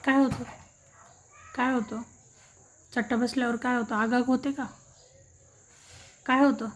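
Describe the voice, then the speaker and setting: A woman with a high voice talks slowly and gently to a small child at home. She coaxes in baby talk and repeats every prompt over and over to get the toddler to answer. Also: fairly even intonation, a little hiss or hum. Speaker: family member coaxing a toddler to talk. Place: indoors at home.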